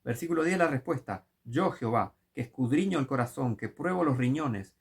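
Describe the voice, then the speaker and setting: A man's voice: mid-range voice, animated, fairly quick, creaky, breathy edge. A man preaching a sermon, emphatic and full of rhetorical questions.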